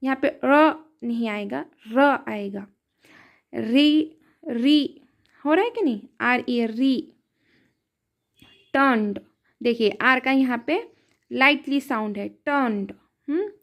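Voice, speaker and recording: High-pitched lady teaching english reading, patient, sounds out every letter. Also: lively intonation, measured pace, gravelly, pauses often, highs cut off. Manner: patient, sounds out letters, corrects herself with sorry. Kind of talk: slow phonics lesson, spelling words letter by letter.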